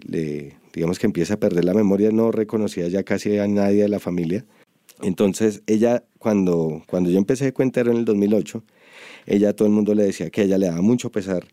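A storyteller telling a personal story in an interview, soft and reflective with hesitant pauses. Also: male voice, lowish voice, no room sound, clean studio sound.

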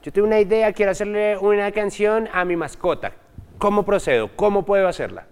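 A man's voice: high-pitched, brisk, darkish tone, clean tone. A man hosting a children's educational program, upbeat and addressing the guest teachers directly. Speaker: host.

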